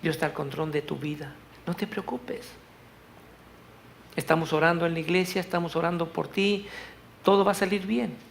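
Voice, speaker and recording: A man's voice: on the high side, steady tone, moderate pace, creaky, slight background noise. A man voicing a grieving pastor father praying. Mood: hushed. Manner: soft, hushed prayer.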